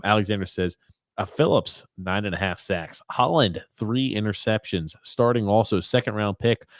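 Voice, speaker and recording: A man's voice: fairly low pitch, no room sound, studio quality. A man co-hosting a casual sports chat show, reading listener comments aloud and briefly responding to them.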